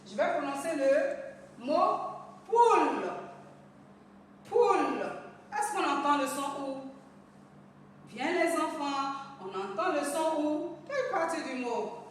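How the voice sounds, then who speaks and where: A woman teacher giving an early reading lesson to children, pronouncing each sound slowly and carefully. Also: high-pitched, recorded from a distance, a little hiss or hum. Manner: slow, careful enunciation of sounds, addresses children. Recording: echoey room heard from afar.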